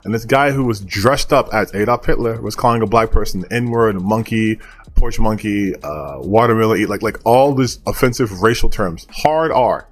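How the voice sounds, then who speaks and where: A man's voice: fairly low pitch, moderate pace, faint music behind. A male online commentator talking casually and bluntly, dismissive and opinionated, with some casual swearing.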